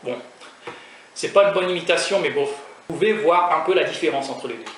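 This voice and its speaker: A man's voice: fairly high pitch, fairly quick, far from the mic. A young man from France chatting casually in a food vlog, hesitant with many fillers and restarts, joking at his own expense. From raised in France. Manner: self-mocking humor. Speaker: food vlogger. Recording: echoey room, voice from off mic, faint noise.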